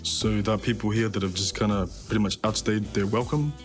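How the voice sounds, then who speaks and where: A man from New Zealand reporting and interviewing for a magazine show. He talks fast in a lowish voice with relaxed slang, and clear music runs under him. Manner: brisk, slangy. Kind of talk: casual interview.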